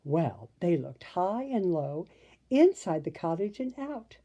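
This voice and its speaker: A woman takes her time over a children's storybook, her very mellow, slightly low voice expressive in the narration as she turns now and then to address the listener.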